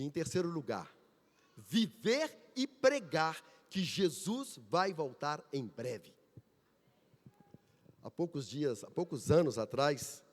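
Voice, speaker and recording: A man preaches. His voice sits high for a man and swings widely up and down as he drives home each point with repetition and questions. A long church reverb trails after his words. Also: darkish tone. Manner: emphatic, rhetorical questions and repetition. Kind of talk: sermon with storytelling. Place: church sanctuary.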